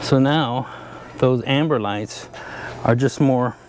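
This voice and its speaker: A man with a mid-range voice talks through a casual product review at an easygoing pace. He rambles and fills pauses with ums and uhs. Faint noise sits behind him. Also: medium pitch, darkish tone. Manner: rambling, easygoing, many filler words. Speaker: channel host and product reviewer. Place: by a vehicle, showing its lights.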